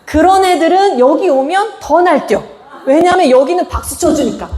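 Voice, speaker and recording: A woman missionary giving a lively testimony, acting out quotes with a raised voice and laughter. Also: very high-pitched, normal speed, reverberant, a crowd in the background. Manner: animated storytelling, acts out quotes with raised voice and laughter. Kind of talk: testimony sermon.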